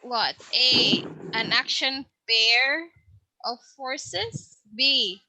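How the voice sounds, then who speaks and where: A woman teacher taking students through a science quiz, reading out each question and its answer choices slowly and patiently. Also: a little high, lively intonation, sharp tone, slight background noise, low-quality recording. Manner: slow, patient quiz-style questioning, reads answer options aloud. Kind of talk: online science review lesson.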